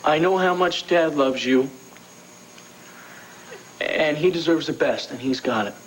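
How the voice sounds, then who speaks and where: An actor playing a kind but awkward man who offers support haltingly in a soap opera. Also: on the high side, slight background noise, natural voice, low-quality recording. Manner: hesitant, halting.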